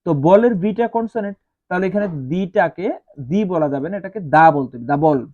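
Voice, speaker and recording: Man, grammar lesson, slow and repetitive explaining, raised pitch, muffled lo-fi sound. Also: lively intonation, mellow. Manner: slow, repetitive, spells out each example. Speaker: English teacher. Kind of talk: explaining grammar rules to students. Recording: dull lo-fi sound.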